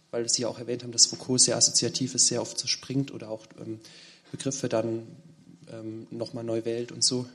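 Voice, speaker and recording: A man's voice: medium pitch, a bit bright. A man in the audience of a lecture hall asks a long, searching question with some fillers. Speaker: audience member asking a question.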